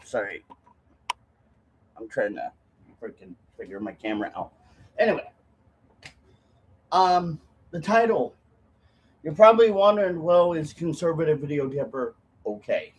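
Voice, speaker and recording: A man chatting casually to viewers as a vlogger, talking haltingly around a lip packed with chewing tobacco. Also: medium pitch, animated.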